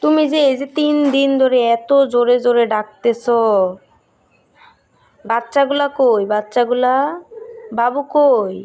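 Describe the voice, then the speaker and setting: High-voiced woman coaxing her pet. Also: a little slow, pauses often. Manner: soft, pleading, repeats herself. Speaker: pet owner. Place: outdoors at night.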